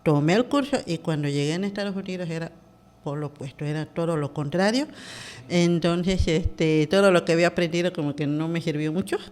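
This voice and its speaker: A woman's voice: fairly low pitch, fairly quick, a little mellow. Hesitant woman guest. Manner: hesitant, many fillers and restarts. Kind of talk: casual interview talk.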